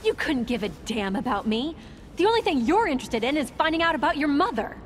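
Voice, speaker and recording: An actress voices a wounded, distrustful young woman in a video game drama, sounding intense, bitter, accusing and guarded. Her medium-pitched voice is a little mellow, close to an everyday voice, with lively intonation and a moderate pace. There's slight background noise.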